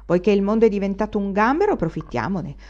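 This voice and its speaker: Brief: a woman reading a sneering cynical young student, mellow tone, lo-fi. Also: mid-range voice, sing-song, fast talker, natural voice. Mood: mocking. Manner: sneering, jeering.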